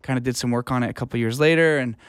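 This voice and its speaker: A music producer and audio engineer being interviewed talks informally, walking through examples as he explains. He speaks at a racing pace in a medium-pitched, clear, resonant voice, captured at studio quality without any room sound.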